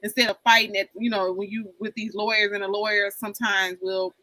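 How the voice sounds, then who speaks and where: A woman's voice: medium pitch, flat delivery, brisk, bright, forceful tone, no echo, low-quality recording. A woman in her forties talking candidly in a casual group chat, rambling and often repeating herself. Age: 40s. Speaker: panel guest.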